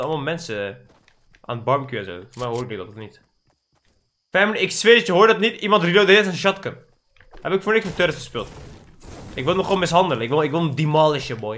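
A young man commentating his own Fortnite match for his channel, excitable and swearing, with English slang mixed in. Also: on the high side, slight background noise. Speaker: gaming YouTuber.

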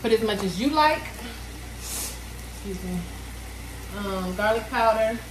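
A woman's voice: mid-range voice, lively intonation, slow pace. Woman cook-along vlogger, loose and chatty, roomy kitchen sound, sizzling pan behind. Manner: chatty, loose, thinks aloud with fillers. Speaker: cooking vlogger. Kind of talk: casual cook-along narration. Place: home kitchen, indoors. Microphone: camera on the counter. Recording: echoey kitchen with frying noise. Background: food sizzling in a pan.

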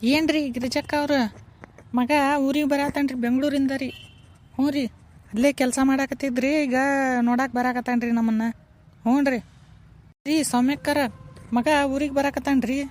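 A woman's voice: sits high, fairly even intonation, moderate pace, long pauses, a little mellow, close to an everyday voice. A woman with a North Karnataka Kannada accent voicing a fussy, doting village mother who scolds and nags in a cartoon. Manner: scolding and nagging. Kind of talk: cartoon voice acting.

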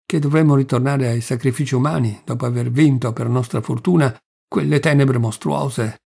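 Grumpy middle-aged director in an audiobook, read by a man, gravelly and a bit husky. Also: mid-range voice, fairly even intonation, moderate pace, dark tone. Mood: indignant. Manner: grumbling, indignant. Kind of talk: audiobook reading.

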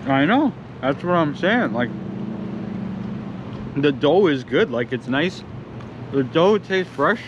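Man, talking while chewing, upbeat, casual, slightly high voice, busy outdoor traffic sound. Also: big pitch swings, slow, pauses often, muffled recording. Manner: chatty, upbeat, filler-heavy. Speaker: pizza reviewer. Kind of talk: casual food review. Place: outdoors by a parking lot.

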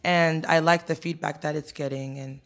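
Sitting in front of a teal backdrop in a studio, this young woman singer from Ghana, who grew up in America, keeps her handheld mic right near her mouth. Her voice sits low and a bit bright, with fairly even intonation and a moderate pace. Relaxed in manner, she fields interview questions with plenty of "um" and "you know."

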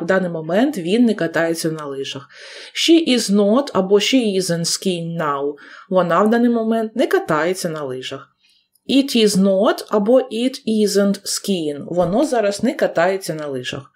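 A hoarse woman teaching an English grammar lesson on video, reading the English example sentences slowly and carefully. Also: mid-range voice, a little mellow. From Ukraine.

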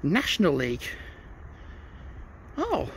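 A man with a fairly high voice and an unhurried pace, chatting as he walks outdoors. He thinks aloud and reads signs out as he goes. Loud wind buffets the mic throughout. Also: wildly swooping pitch, rough recording. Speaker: vlogger. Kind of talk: casual walking vlog narration. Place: outdoors on snowy paths by a stadium.

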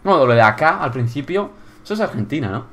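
Young male YouTuber, Spain Spanish accent, casual gameplay commentary, excitable, lively pitch. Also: brisk. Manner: excitable, bursts into loud exclamations. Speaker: YouTuber touring viewer builds.

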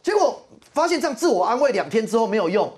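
A woman's voice: on the high side, sing-song, fast talker, darkish tone. A woman arguing as a panel commentator on a political talk show, heated and mocking, firing rhetorical questions. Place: TV studio.

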